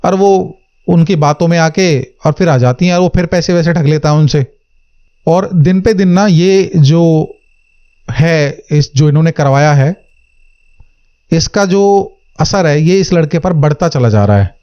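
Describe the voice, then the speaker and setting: A man's voice: fairly high pitch, a little slow, warm tone, clear, resonant tone, muffled recording. A man telling a horror story in a casual conversational way, talking straight to his listeners and lightly acting out the characters' lines. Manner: conversational, addresses listeners directly, acts out dialogue lightly.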